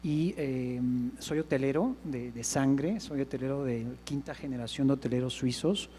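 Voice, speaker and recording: A man's voice: mid-range voice, moderate pace, warm tone, slight background noise, poor audio. A man from Peru introducing himself as a hotelier on a conference panel, hesitant with many fillers.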